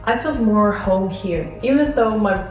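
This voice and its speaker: A woman's voice: mid-range voice, lively intonation, measured pace, a little mellow. A woman from Sweden answering audience questions at a seminar, giving earnest advice and acting out little inner voices. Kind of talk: seminar Q&A talk. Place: seminar hall. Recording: echoey hall, far from the mic, faint music.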